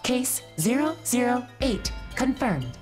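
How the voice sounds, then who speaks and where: A woman voicing a female computer system in a video game, giving flat machine announcements that throw errors and cut off mid-word. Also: on the high side, slow, loud music behind the voice. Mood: monotone. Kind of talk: video game story scene voice acting.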